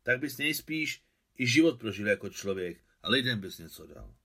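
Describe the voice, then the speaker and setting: A man's voice: fairly low pitch, big pitch swings, gravelly, sharp tone, heavily acted. A man reading aloud and voicing a fussy, nagging old village woman. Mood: scolding. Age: older. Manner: scolding, fussy. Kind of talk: audiobook reading.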